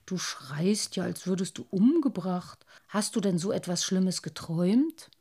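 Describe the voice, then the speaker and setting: Woman as a soft, caring water-sprite dad, lower and quiet. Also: animated, a little slow, breathy edge, heavily acted. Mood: soothing. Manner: soft, soothing. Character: gentle water-sprite father, calm and caring.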